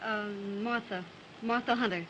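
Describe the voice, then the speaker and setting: An actress playing a lost, frightened young nursery governess who speaks hesitantly and pleadingly, in early 1930s talkie film sound. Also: female voice, medium pitch, steady tone, a little slow, a bit bright, highs cut off, a little hiss or hum.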